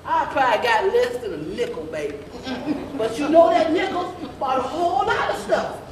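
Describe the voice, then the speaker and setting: On a church sanctuary stage in a mid-sized hall, a woman plays an old field-hand grandmother in an amateur gospel play, reminiscing in a folksy, scolding, rambling monologue with a drawl and calling listeners baby. Her voice sits high and expressive at a moderate pace. A camera some metres away captures the roomy hall and crowd noise.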